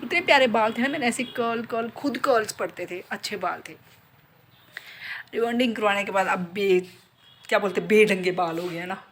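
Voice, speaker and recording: A woman's voice: mid-range voice, normal speed, slight background noise, poor audio. A middle-aged woman chatting playfully to her viewers in a casual home vlog. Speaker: vlogger.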